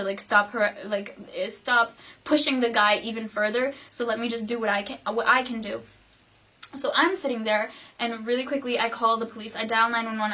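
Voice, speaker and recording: A young woman vlogger telling a dramatic personal story in a rambling, animated way, full of "like". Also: on the high side. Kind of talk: storytime vlog.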